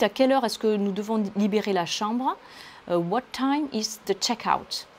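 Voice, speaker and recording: A woman's voice: medium pitch, a little mellow, slight background noise. A woman teaching English, explaining words and pronunciation carefully, one point at a time. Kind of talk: language lesson explanation.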